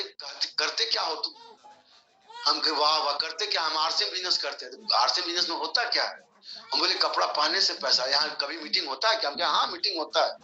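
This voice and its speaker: A man's voice: fairly high pitch, bright, forceful tone. A man giving a motivational stage talk, telling stories and acting out the dialogue while calling out to the audience. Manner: storytelling, acts out dialogue, calls "hello" to the audience. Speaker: network marketing leader giving a motivational talk. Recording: roomy, muffled hall recording.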